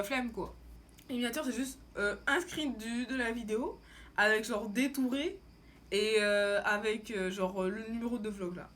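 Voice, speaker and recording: A young woman from France, her voice a little high and a bit bright, chats casually to camera as a vlogger. She talks in a rambling, informal way full of slang, over slight background noise.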